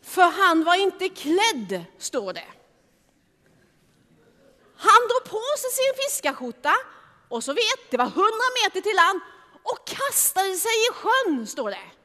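A woman telling a Bible story to children in a lively, animated way, acting out the scenes. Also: extremely high pitch, in a large hall.

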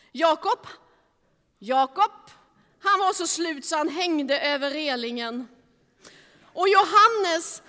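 High, bright-voiced woman telling a story. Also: in a large hall. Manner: animated, acting out the scenes. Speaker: children's Bible storyteller. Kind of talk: lively storytelling to children.

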